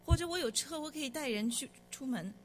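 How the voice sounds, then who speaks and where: A woman's voice: high-pitched, expressive, quick pace, slight background noise. A woman interpreting a sermon line by line, speaking fluently with occasional restarts.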